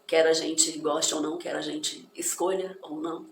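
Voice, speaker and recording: A woman's voice: deep voice, little pitch movement, moderate pace. A woman giving an encouraging, reflective English lesson in which she spells out pronunciations. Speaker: English teacher. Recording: echoey room with faint background noise.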